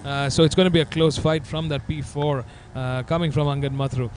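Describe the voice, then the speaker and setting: A man's voice: a little high, steady tone, fairly quick, a little hiss or hum. A man with an Indian accent giving live motorsport commentary in a punchy announcer delivery, with frequent hesitations. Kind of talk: live race broadcast commentary.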